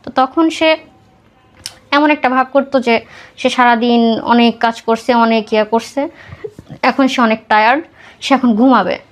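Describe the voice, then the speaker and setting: Slightly high and fairly even in intonation, this young woman's voice moves a little slowly, with frequent pauses. She has a Bangladeshi accent and, as a podcast guest, shares her personal story in a conversational interview, dropping in English words.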